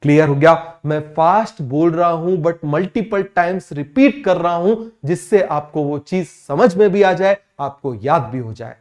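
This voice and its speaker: A man teaching biology in a quick call-and-response lecture, firing questions at students and repeating each answer himself. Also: fairly high pitch, a little mellow.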